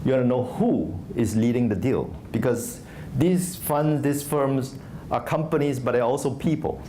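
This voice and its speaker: Speaking on a conference stage, a Singapore-based venture investor addresses a startup crowd in a conversational style, with frequent fillers and restarts. His mid-range voice is mellow and expressive at a moderate pace, and slight background noise can be heard.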